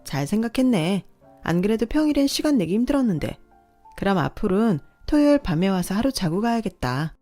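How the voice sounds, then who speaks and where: A woman's voice: mid-range voice, very animated, fairly quick, warm tone, faint music behind, voice pushed up, close to an everyday voice. A woman voicing a young married daughter who questions her father and husband insistently in a read-aloud story. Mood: cheerful. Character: the daughter narrator, a young married office worker, direct and suspicious. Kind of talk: scripted story reading.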